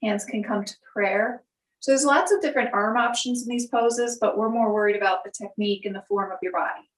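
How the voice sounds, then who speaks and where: A woman yoga instructor giving calm, step-by-step guided instruction on breath and poses. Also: medium pitch, brisk, recorded from a distance. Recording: echoey room, voice from off the mic.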